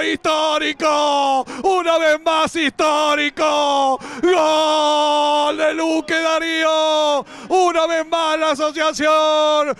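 A man with an Argentine accent giving impassioned, shouted live sports commentary with drawn-out, repeated exclamations like an excited caster. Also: extremely high pitch. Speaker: football play-by-play commentator. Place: outdoors at a small football ground.

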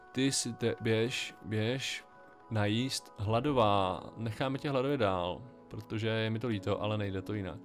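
A man casually commenting on a game he plays, thinking aloud in a chatty, wry way. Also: lowish voice. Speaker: let's play gamer.

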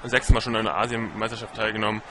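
A man's voice: fairly low pitch, steady tone, very fast, background noise. A young man giving casual, rambling commentary over a football video game, full of fillers and self-corrections. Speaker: gaming commentator.

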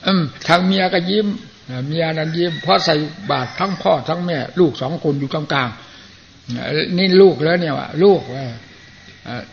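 An older man, a Buddhist monk, giving a plain-spoken, folksy sermon and often clearing his throat. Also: a little high, fairly quick. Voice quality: gravelly. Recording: muffled lo-fi archive recording with faint hiss.

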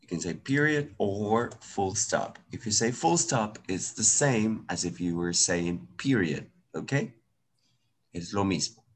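A man's voice: lowish voice, expressive, takes it slowly. A man with a Venezuelan accent teaching English in an online class, switching between Spanish and English, patient and encouraging.

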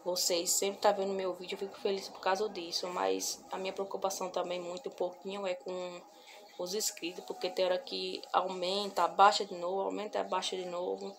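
A young adult woman vlogs from the couch in a small room at home, talking softly to her viewers with a casual, heartfelt tone. Her medium-pitched voice stays level with some vocal fry, and she pauses often to collect her thoughts and repeats herself. It's a noisy home recording made on a phone camera held at arm's length.

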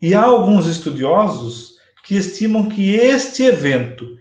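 A Brazilian man in his fifties delivers a religious lecture at an unhurried, deliberate pace, his voice sitting fairly high for a man. He retells the story with measured emphasis. The sound comes through a webcam in a small, roomy-sounding home room. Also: very animated, darkish tone. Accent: Brazilian Portuguese. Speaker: spiritist lecturer. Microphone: webcam at desk distance, video call. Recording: echoey room via webcam.

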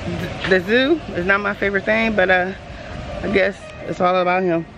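A woman's voice: medium pitch, steady tone, normal speed, muffled recording. A woman in her thirties chatting casually with a small child while vlogging outdoors at the zoo on a handheld camera. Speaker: vlogger and mother. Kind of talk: casual family vlog chat. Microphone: handheld camera at arm's length. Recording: clearly noisy outdoor handheld recording. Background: outdoor ambience and noise.

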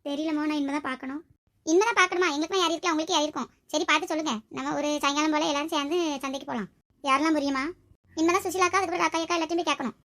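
A woman's voice: high-pitched, fairly even intonation, racing, a bit bright. A woman voicing a chatty, nosy village neighbor who gossips at length. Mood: gossipy.

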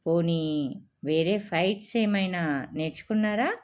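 A woman's voice: fairly low pitch, unhurried, a little mellow, lightly acted. A woman voicing a bold, outspoken young working woman who talks directly and asks pointed questions, on a dull lo-fi recording. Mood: probing.

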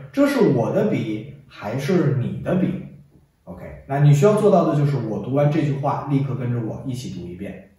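In a classroom-style English lesson, a man with a mellow, mid-range voice drills phrases for the viewer to repeat and praises them with "very good". The room is echoey and the mic distant.

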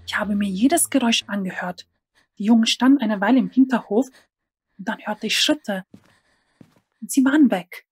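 A woman's voice: fairly high pitch, normal speed, pauses often, a little mellow, husky. A woman narrating a tense first-person story in a dramatic storytelling manner.

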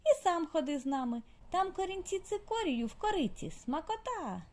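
A woman voicing a tiny, stern girl mole with a squeaky voice who grumbles and bosses people around, in an audiobook for children. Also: very animated, moderate pace, darkish tone. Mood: friendly. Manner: grumbling, bossy. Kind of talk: audiobook character voice.

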